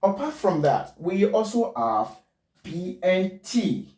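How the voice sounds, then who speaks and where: Slow-spoken male pronunciation teacher. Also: high-pitched, very animated, a little mellow. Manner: spells words letter by letter, repeats them slowly. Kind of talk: pronunciation lesson. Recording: roomy, distant mic.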